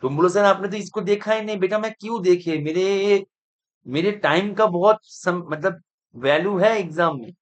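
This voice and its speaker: A middle-aged man gives a math exam-prep lecture in a fairly high voice. He explains step by step and deliberately, calls his students "beta", and keeps asking whether it is clear. He drops English math terms and a few other words into his talk. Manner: mixes Hindi with English math terms and some Bengali; speaks slowly and deliberately at times. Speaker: math teacher.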